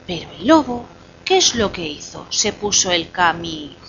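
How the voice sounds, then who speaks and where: A woman telling a fairy tale to a small child, slowly and playfully, pausing so the child can finish the lines. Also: fairly low pitch, lo-fi sound, a little hiss or hum. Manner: slow and animated, coaxing the child to finish lines. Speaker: storyteller to a child.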